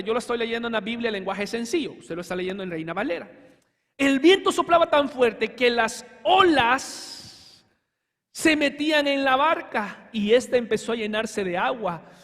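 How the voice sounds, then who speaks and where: A man preaching a sermon as pastor, fervent, with sudden shouts and slow emphatic lines. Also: very high voice. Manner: addresses congregation as hermano, asks for amen. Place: church sanctuary. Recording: hall reverb in a church.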